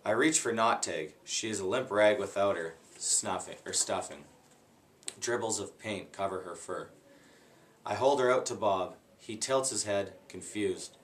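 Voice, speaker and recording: A man reading a children's book aloud in an unhurried, plain way, stopping now and then to redo a slip. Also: lowish voice, a bit bright, a little hiss or hum. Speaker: guest reader.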